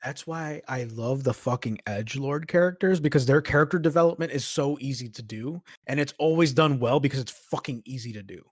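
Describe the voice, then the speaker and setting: A man's voice: mid-range voice, fairly quick, hardly any pauses, no room sound, studio quality. A man co-hosting an anime podcast in casual, profane, joking chat. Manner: joking, crude, emphatic. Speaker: podcast co-host.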